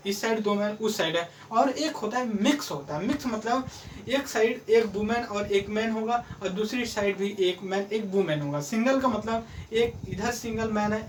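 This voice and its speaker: High-voiced man teaching, lots of uh and restarts, mic kinda far off. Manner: hesitant, many fillers and restarts. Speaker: coaching centre teacher. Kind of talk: explanatory video lesson. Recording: voice from afar, faint room noise.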